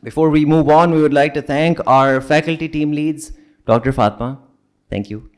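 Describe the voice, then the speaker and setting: A man's voice: fairly high pitch, moderate pace, clean tone. A young man with a Pakistani accent hosting a ceremony, moving between formal thanks and playful, teasing banter. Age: young adult. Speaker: event host.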